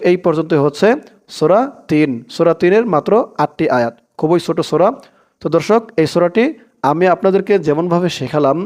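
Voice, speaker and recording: A man with a Bangladeshi Bengali accent teaching Quran recitation, spelling out each letter and chanting the verses slowly between brisk explanations. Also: fairly high pitch, darkish tone.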